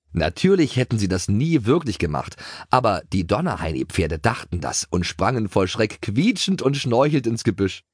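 Male narrator, children's audiobook, deep voice, animated, playful, dry close sound. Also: breathy edge, no echo. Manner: playful, expressive.

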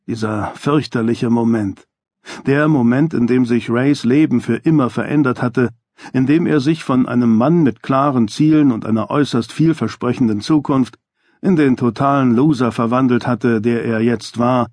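A man narrating an audiobook in a measured, dry, even storytelling manner on a close studio mic. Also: mid-range voice, no room sound.

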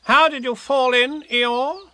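A man voicing a fussy, self-important male rabbit with a brisk, officious manner. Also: very high-pitched, fairly even intonation, sharp tone, pitched above the performer's own voice, exaggerated voice.

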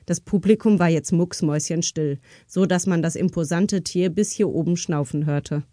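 A woman reading a crime novel aloud as an audiobook narrator, in measured, even storytelling. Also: lowish voice, dry recording, studio quality. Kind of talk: scripted narration.

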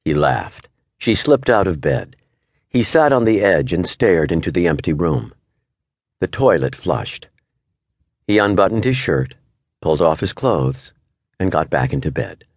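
Very deep, slow male audiobook narrator. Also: dry recording. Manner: measured, expressive. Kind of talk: scripted literary narration. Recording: dry studio recording.

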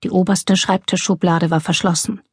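A woman reading a crime novel aloud in steady, measured audiobook narration. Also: fairly low pitch, husky, no room sound, clean studio sound.

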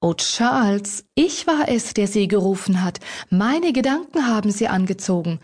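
A woman voicing a frightened older woman, the lady of a country manor, who pleads and sobs in a high-strung way. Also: animated, normal speed, darkish tone, natural voice. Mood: anguished.

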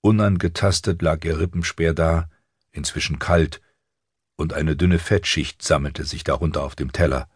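A man narrating a fantasy audiobook in a measured, even storytelling manner. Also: extremely low pitch, husky, dry recording, clean studio sound. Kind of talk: scripted narration. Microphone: studio microphone.

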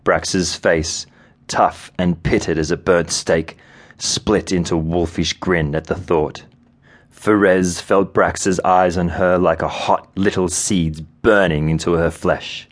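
A man narrating a novel in an audiobook, with measured, vivid storytelling. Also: sits low, steady tone. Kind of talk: scripted narration.

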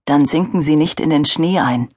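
A woman voicing a gentle, playful young father who talks fondly and teasingly to his little son. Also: deep voice, normal speed, slightly rough, no room sound.

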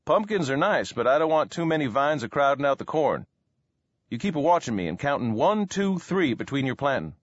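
A firm, plainspoken frontier farmer, voiced by a male narrator, talking in a rustic country way. The reading is lively in pitch, and the recording is dry and slightly dull. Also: fairly quick, dry recording. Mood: stern.

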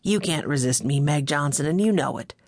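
A woman's voice: sits low, animated, fairly quick, a little mellow, no room sound, studio quality. A woman narrator voicing a cheerful, confident male pilot who jokes and hurries others along. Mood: playful. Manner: joking and eager.

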